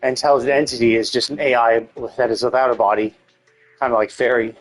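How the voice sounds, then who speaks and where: This game streamer talks fast at a medium pitch with fairly even intonation, thinking out loud in loose, rambling live commentary peppered with mild swearing. The recording is rough, with guitar-driven game music playing under his voice.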